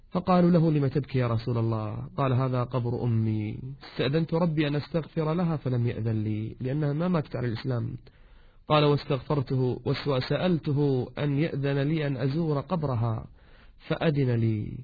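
A man's voice: medium pitch, breathy edge, phone-quality sound. A man preaching a sermon in formal Standard Arabic, exhorting listeners and posing rhetorical questions as the preacher of a religious series.

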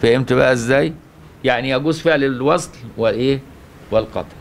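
A man's voice: medium pitch, fairly quick, gravelly, slight background noise. A man with an Egyptian Arabic accent giving a religious lesson on the Quran, often asking rhetorical questions and answering them himself. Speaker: Quran teacher.

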